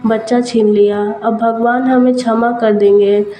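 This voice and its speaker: A meek hunchbacked village wife speaks in rustic dialect, as a woman storyteller puts her on. Her voice sits a little high and mellow, with little rise and fall. It sounds roomy, with faint music behind. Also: flat delivery, unhurried, lightly acted. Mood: earnest.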